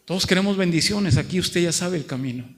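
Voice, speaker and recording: Male Mexican pastor, northern accent, high voice, emphatic sermon, long hall reverb. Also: fairly quick, faint music behind. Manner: preaches with rising emphatic repetition, acts out dialogue. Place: large church hall.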